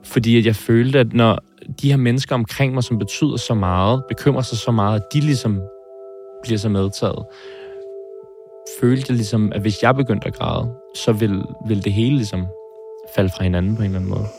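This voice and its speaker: A man in his twenties, speaking hesitantly and thoughtfully in an interview, often pausing and restarting. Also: on the low side, darkish tone, faint music behind. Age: 20s. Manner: hesitant, pauses and restarts, searching for words. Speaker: film director interviewed about his heart surgery. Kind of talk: reflective interview.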